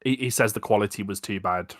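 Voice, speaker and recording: A man playing a tabletop game, talking in a hesitant, halting way. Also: fairly low pitch. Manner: hesitant, laughs often. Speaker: player. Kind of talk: casual tabletop game chat.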